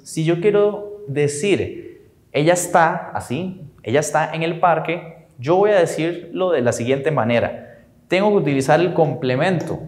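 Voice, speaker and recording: A young man teaching English in Spanish, drawing out each word slowly for students to repeat. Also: medium pitch. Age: young adult. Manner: slow, drawn-out model pronunciations for repetition. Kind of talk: Spanish-language English lesson. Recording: echoey room.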